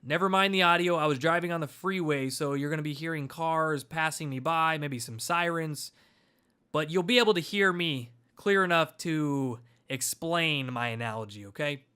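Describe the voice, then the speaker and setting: Chatty guy talking to camera, kinda high voice, bright and forceful. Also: normal speed, smooth. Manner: chatty, playful and upbeat. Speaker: host of a public speaking channel. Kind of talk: casual direct-to-camera talk.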